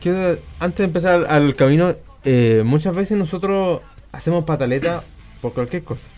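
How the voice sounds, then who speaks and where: A man with a mellow, warm tone and a slightly high pitch explains a point about faith in a measured, steady way. Faint music runs underneath. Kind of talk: casual faith chat.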